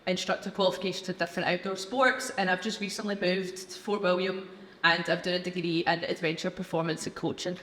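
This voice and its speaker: A woman's voice: on the low side, level tone, a little fast. A young woman from Scotland with a strong, broad Glaswegian accent, giving earnest personal testimony on stage. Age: young adult. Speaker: youth programme graduate speaking on stage. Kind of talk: personal testimony at a live event. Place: large event hall, on stage. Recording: echoey hall, noisy, live PA sound.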